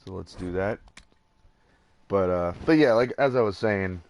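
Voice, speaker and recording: A man's voice: deep voice, unhurried, a little mellow. A tired man rambling through casual gameplay commentary, chuckling at himself and hesitating often. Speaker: let's play gamer.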